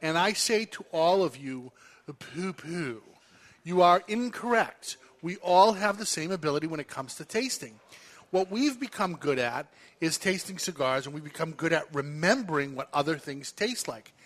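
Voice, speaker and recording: A man's voice: a little high, animated, normal speed. A man hosting a casual radio chat show, arguing his point emphatically and teasing his co-host.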